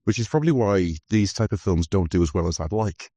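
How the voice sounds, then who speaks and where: A man's voice: deep voice, animated, a little fast, mellow, no echo. A man hosting a podcast, chatting casually and enthusiastically about a film as it plays. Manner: enthusiastic, talks over film scenes. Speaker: podcast host. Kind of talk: casual film commentary chat.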